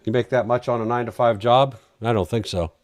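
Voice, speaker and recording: Hosting a live trading stream, a man gives casual market commentary, chatting and answering viewer questions as he reads charts. He talks quickly with a medium-pitched, fairly even voice that's wearing out as he loses it.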